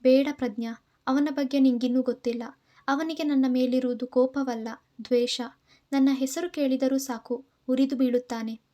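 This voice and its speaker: A woman's voice: sits high, fairly even intonation, moderate pace, dark tone, lightly acted. A woman doing a tearful grieving older mother. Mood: tearful pleading. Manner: tearful, pleading. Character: grieving older mother estranged from her son.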